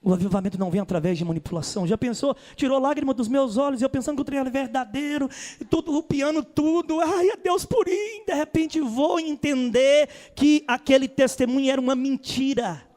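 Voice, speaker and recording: A man's voice: very high-pitched, a little fast, a little mellow. A Brazilian man, a pastor, preaching a sermon with a Brazilian Portuguese accent and big dramatic swings in his voice.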